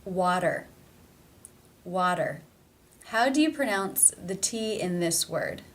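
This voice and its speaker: Slow, deliberate woman teaching pronunciation. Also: mid-range voice, animated. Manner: slow and deliberate, repeating example words. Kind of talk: scripted pronunciation lesson.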